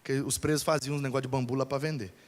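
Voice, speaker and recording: A pastor telling a lively personal story in a sermon, acting out the people in it. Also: male voice, mid-range voice, fast. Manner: animated, acts out voices in his story. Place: church hall. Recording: long hall reverb.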